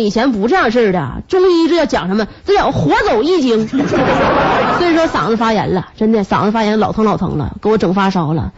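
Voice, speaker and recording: A woman's voice: sits high, heavy background noise. A woman radio host with a Northeastern Chinese accent and a stuffy nose from a cold, chatting in a teasing, comic monologue and laughing often. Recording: muffled radio broadcast recording.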